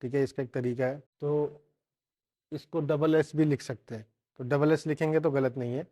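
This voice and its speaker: A man teaching an online language lesson, slowly repeating each sound several times for his learners. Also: a little high, fairly even intonation, warm tone.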